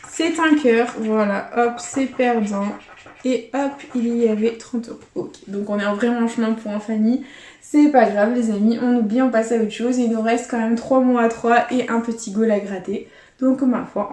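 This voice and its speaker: In an echoey room, a woman YouTuber with a mellow voice on the high side scratches lottery tickets while chatting casually. She keeps up a running commentary and calls her viewers friends.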